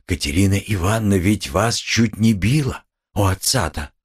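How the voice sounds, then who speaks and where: A man's voice: on the low side, animated, normal speed, slightly rough. A man playing a brooding, gloomy young man who speaks curtly. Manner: curt, gloomy, softening at times.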